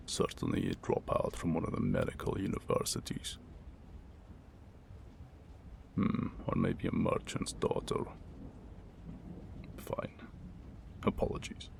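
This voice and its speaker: In full character voice, a man plays a wounded mercenary for an ASMR roleplay, murmuring deep, gravelly and breathy in intimate second person. He comes across guarded and wry but secretly tender, with a wry, probing mood, his slow speech halting, formal and old-fashioned. Rain and thunder sound behind him.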